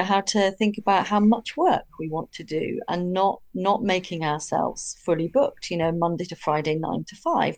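Gravelly-voiced woman, gentle and candid. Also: lowish voice. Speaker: psychologist guest. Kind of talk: podcast interview.

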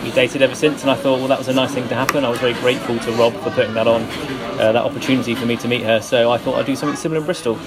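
A man's voice: mid-range voice, fairly even intonation, rapid-fire, hardly any pauses. A man with a Home Counties accent chatting casually as an interview guest, explaining things in an easygoing, modest way. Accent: Home Counties English. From Hertfordshire, England. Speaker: interviewed guest, meetup organiser. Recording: loud music behind the voice. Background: music.

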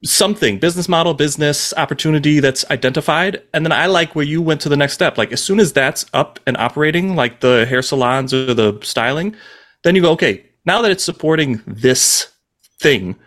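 A man co-hosting a podcast, speaking thoughtfully and hesitantly, often pausing to find his words and filling gaps with "like". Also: fairly high pitch, a bit bright. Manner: frequent filler "like". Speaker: podcast co-host. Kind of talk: casual podcast chat.

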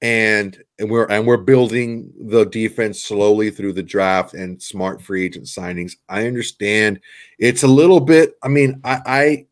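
A man's voice: lowish voice, steady tone, unhurried. Rambling man in casual sports chat. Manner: rambling, restarts, swears casually. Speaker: podcast co-host.

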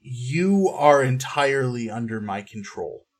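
A man's voice: medium pitch, animated, measured pace. A man voicing a menacing cloaked male wraith in a tabletop game, cold and threatening.

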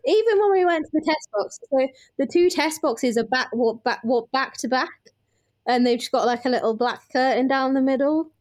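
High-voiced woman telling a story. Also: moderate pace, dry recording. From United Kingdom. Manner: lively storytelling. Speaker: robot team member. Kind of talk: casual podcast chat.

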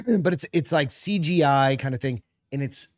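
A man's voice: mid-range voice, moderate pace, no echo, studio quality. A man in his forties co-hosting a podcast, chatting casually in a blunt, opinionated way and swearing often. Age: older than his co-host, around 40s. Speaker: podcast co-host. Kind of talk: casual chat.

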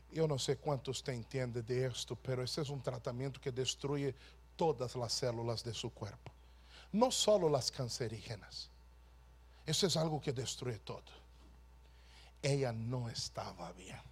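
A man preaching a sermon as a pastor, slowly and emphatically, swinging from hushed storytelling to shouted proclamation. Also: mid-range voice, breathy edge.

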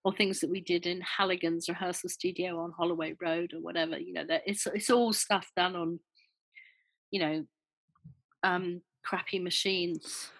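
A woman's voice: on the low side, steady tone, normal speed, vocal fry, fairly bright tone, dry recording, poor audio. An older woman, a former band member, talking casually in an interview, rambling with many fillers and restarts.

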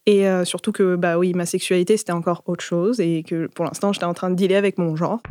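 A woman's voice: fairly low pitch, steady tone, fast talker, mellow. A woman giving a casual personal testimony, chatty and informal, with lots of fillers and slangy asides. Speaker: interviewee.

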